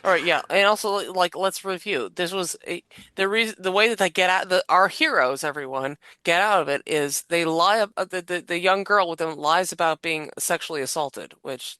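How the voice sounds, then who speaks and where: A woman's voice: on the low side, normal speed, few pauses, bright, forceful tone, no echo, studio quality. A woman co-hosting a podcast, chatting casually over a movie with friends and rambling with frequent restarts. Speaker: podcast co-host. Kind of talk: casual movie commentary chat.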